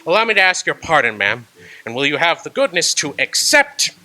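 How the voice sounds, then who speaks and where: An actor playing Ebenezer Scrooge, an old miser turned giddy and joyful, in a radio drama, with an exuberant, laughing, theatrical delivery. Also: male voice, fairly high pitch, sing-song, fairly quick, pushed and bright, slight background noise, full character voice, low-quality recording. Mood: gracious.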